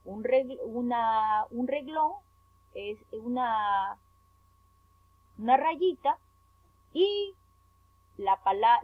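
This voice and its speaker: On a tinny, phone-like recording without any room sound, a woman with a highish voice teaches a remote primary class. She is from Peru and goes methodically through a worksheet, spelling out words with stress on every syllable.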